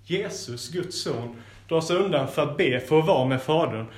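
A man teaching a Bible school lesson, reading scripture aloud and adding lively, playful asides. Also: fairly high pitch.

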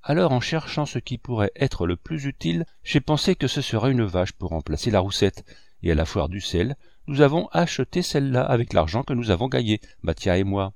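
A man reading a classic novel aloud with animated storytelling. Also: mid-range voice, brisk, gravelly, no room sound, studio quality. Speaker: audiobook reader.

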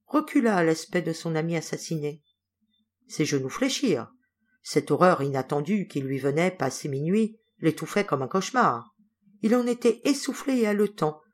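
A woman reading a classic novel aloud as an audiobook narrator, with a measured, expressive delivery. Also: low-pitched. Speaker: audiobook reader.

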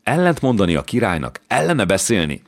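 A man voicing a thin, hunched, shrewd male priest who hisses his words in exasperation. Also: rumbling low. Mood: exasperated. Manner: hissing, exasperated.

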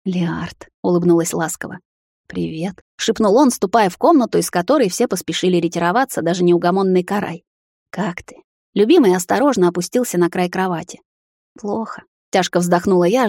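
Calm lowish female audiobook narrator. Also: quick pace, hardly any pauses, dry recording, studio quality. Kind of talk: scripted first-person narration.

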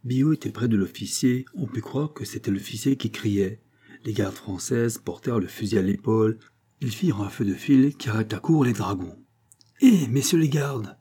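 A man reading a classic novel aloud as an audiobook narrator, in a steady, measured storytelling voice. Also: lowish voice, breathy edge.

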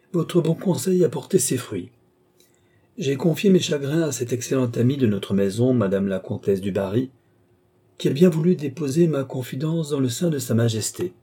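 A man reading a classic novel aloud as audiobook narration, measured and even. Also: mid-range voice, breathy edge. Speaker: audiobook reader.

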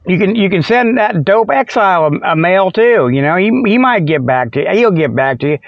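This is a high-pitched, animated American man moving briskly through a meandering, casual monologue as host of a comic Sasquatch program, tossing in joking asides. There's no room sound; the recording is close, dry, dull and lo-fi, like old radio.

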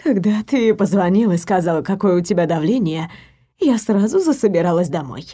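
A woman's voice: on the low side, expressive, normal speed, mellow, husky, voice pushed down. A woman voicing a worried middle-aged mother who fusses over her husband in an audiobook. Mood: concerned. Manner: fussing, solicitous. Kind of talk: audiobook character voice.

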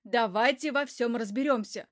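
Woman voicing a calm, level-headed man. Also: a little high, no room sound, studio quality, lightly acted. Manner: calm, measured, soothing.

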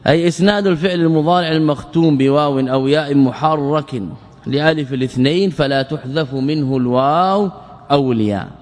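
A man teaching Arabic morphology in a lecture, repeating words slowly and asking and answering his own questions. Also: fairly high pitch. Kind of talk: classroom lecture explaining grammar. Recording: long hall reverb.

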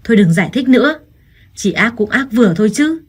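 A woman voicing a spiteful older mother-in-law who scolds harshly, in a husky voice. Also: fairly high pitch, expressive, fairly quick. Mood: furious. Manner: accusing, harsh.

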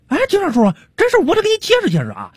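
Woman doing a shrill whiny street vendor. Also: wildly swooping pitch, rapid-fire, noisy background, exaggerated voice. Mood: frantic. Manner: stammering, whiny complaining. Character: shrill frantic male street food vendor.

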